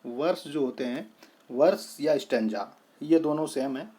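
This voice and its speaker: A man teaching a lesson, explaining terms step by step, splitting words slowly and often checking that the listener follows. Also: fairly high pitch, warm tone, husky. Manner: repeats "thik hai" to check understanding. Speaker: English tutor.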